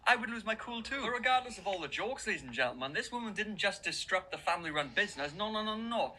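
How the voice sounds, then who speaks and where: A man's voice: high-pitched, expressive, quick pace, sharp tone, low-quality recording. A man giving an opinionated commentary, mocking and ranting as he addresses his audience. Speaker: commentary video narrator.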